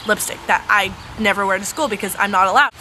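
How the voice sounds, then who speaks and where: A woman's voice: mid-range voice, quick pace, sharp tone, a little hiss or hum. A teenage girl vlogging from home, chatting casually through a beauty tag in a rambling way, with lots of ums and likes. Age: teens. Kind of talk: casual chat answering a tag.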